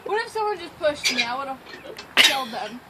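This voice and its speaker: A woman's voice: sits high, big pitch swings, moderate pace, heavy background noise. A woman on an outdoor playground, dramatic and whiny in casual chat, swearing as she goes. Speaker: friend on the playground.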